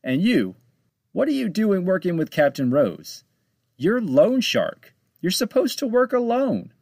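A man does a brash, excitable pirate captain from a storybook, his voice jumping high and loud. The tone keeps a gravelly grit and stays dry, right up on the mic. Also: unhurried, no echo, heavily acted. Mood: exasperated. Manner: raised, excited, pitching up sharply. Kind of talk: storybook read-aloud.

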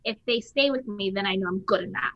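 A woman hosting a podcast speaks quickly in a mid-range, fairly bright voice, making emphatic points and acting out quoted voices in casual conversation. The sound has no echo and a slightly dull lo-fi character.

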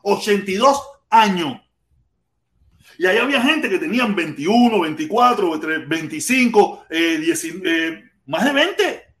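A man's voice: high-pitched, lively intonation, measured pace, fairly bright tone, reverberant. A man with a Cuban accent hosting a live podcast, ranting heatedly with profanity, repeated phrases and rhetorical questions. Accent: Cuban Spanish. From Cuba. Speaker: podcast host.

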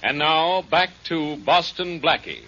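A man announcing and recapping the story in an old-time radio drama, with a crisp announcer's delivery and an old radio show broadcast sound. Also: on the high side, animated, slow, very noisy. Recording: dull lo-fi vintage radio recording.

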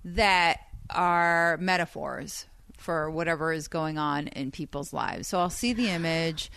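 A woman from Iran, a guest on a podcast, talking casually in a soft, hesitant way with many restarts. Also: low voice, measured pace, creaky, smooth. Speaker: podcast guest, comedian and psychic reader.

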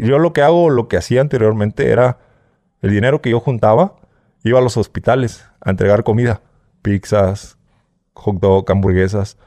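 A man's voice: mid-range voice, dark tone, no room sound, studio quality. A Mexican man, an interview guest, tells his stories candidly in a casual chat and keeps checking with the listener. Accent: Mexican Spanish. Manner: candid storytelling, often asks "¿sí?" and "¿no?". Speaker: interview guest, former smuggler.

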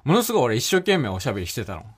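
A man's voice: medium pitch, wildly swooping pitch, very fast, slightly rough. A young man from Okayama telling a self-deprecating story in casual chat, laughing often. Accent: Okayama dialect. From Okayama, Japan. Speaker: podcast co-host.

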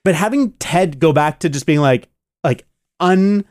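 Man, podcast co-host, ranting, swearing, very lively pitch, dry close sound. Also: a little slow, no room sound. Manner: ranting, swears a lot, frustrated. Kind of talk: casual podcast chat.

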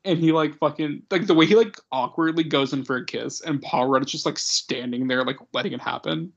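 A man's voice: fairly high pitch, a little fast, vocal fry, dull audio. A man co-hosting a podcast, talking enthusiastically with lots of laughter and casual swearing. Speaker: podcast co-host. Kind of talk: casual chat.

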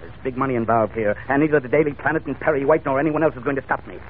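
An actor playing a grim, domineering middle-aged crime boss with an American accent in 1940s radio style, curt and menacing. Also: male voice, mid-range voice, rapid-fire, close to an everyday voice. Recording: narrow, noisy old radio recording.

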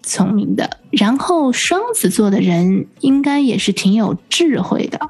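A woman with a slightly husky voice hosts an English lesson show. She asks curious follow-up questions and echoes each answer back to the listener. Faint music sits under her voice. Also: mid-range voice, expressive, measured pace, a little mellow. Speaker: host. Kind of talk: radio lesson host asking questions.

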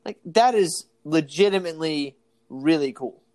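A man co-hosting a casual sports podcast, excitable and laughing often, tired from an early morning. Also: fairly high pitch, normal speed, no room sound. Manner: excitable, laughs often, acts out quoted exchanges. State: tired, yawning. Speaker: podcast co-host.

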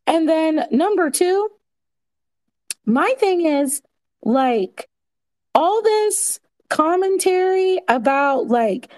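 High-voiced woman in her forties, earnest. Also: animated, extremely slow, long pauses, a little mellow. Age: 40s. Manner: earnest, explains point by point. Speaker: guest commentator. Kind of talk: casual live audio chat.

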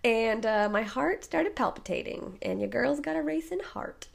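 A woman in her thirties, hoarse from being sick, co-hosting a podcast in casual chat and laughing often as she tells stories. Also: fairly high pitch, moderate pace. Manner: chatty, laughing often, animated retellings. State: hoarse from illness. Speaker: podcast co-host.

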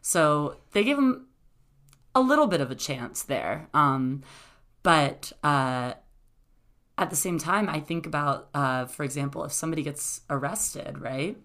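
A woman's voice: sits low, animated, unhurried, fairly bright tone. A woman in casual debate, laying out events step by step with frequent "uh" and "um.". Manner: explanatory, methodical, many "uh" and "um" fillers.

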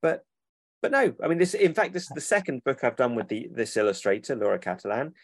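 A man's voice: medium pitch, sing-song, fast talker, dry recording. A man, a children's book publisher who rambles and corrects himself in a casual interview over a remote call.

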